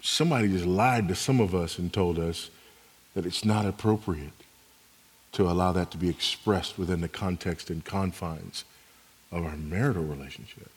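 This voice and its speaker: A man's voice: low voice, normal speed, breathy edge, in a large hall. A man preaching a sermon as pastor, emphatic, repeating his key phrases.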